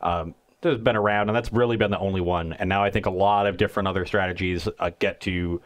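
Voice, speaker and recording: A man with a fairly low voice co-hosts a card game match. Speaking fast in a casual tone, he breaks down strategy in long, steady, analytical explanations.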